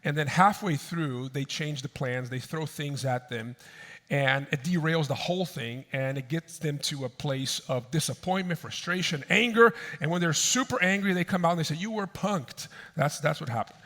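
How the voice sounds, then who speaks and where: A male pastor preaching a sermon, telling a story in an animated way and breaking into raised, panicked voices for the people in it. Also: fairly high pitch, normal speed, big-room sound. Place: church sanctuary.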